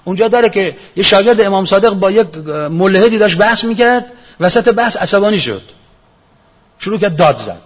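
Husky-voiced man lecturing in an echoey hall. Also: high voice, expressive. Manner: earnest, reasoning aloud, repeats key phrases. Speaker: religious lecturer. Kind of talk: religious lecture. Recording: echoey hall, dull lo-fi sound.

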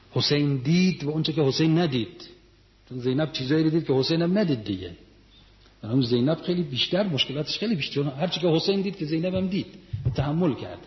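A man giving a religious sermon, telling stories and rising to emphatic peaks. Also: mid-range voice. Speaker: religious lecturer. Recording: muffled sound in a reverberant hall.

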